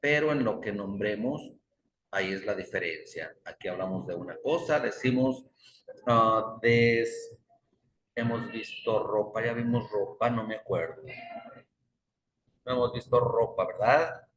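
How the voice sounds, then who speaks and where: A man with a lowish voice teaching a class at an unhurried pace. He drills the same short examples again and again and patiently corrects his own slips. The sound is roomy, with the echo of a classroom. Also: a bit bright, a little hiss or hum. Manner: stops to correct himself. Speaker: English teacher. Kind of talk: classroom grammar explanation. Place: classroom with students.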